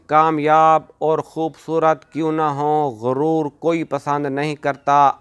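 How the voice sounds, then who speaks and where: A man narrating a script of motivational sayings in a measured, declarative way. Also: a little high, a bit bright, smooth. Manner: measured, declarative delivery of short maxims.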